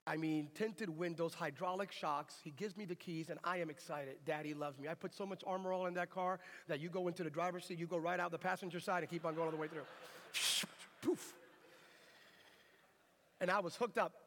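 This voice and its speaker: A middle-aged American man preaching a sermon, telling lively, humorous stories. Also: on the high side, brisk. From United States. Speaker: pastor. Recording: reverberant hall.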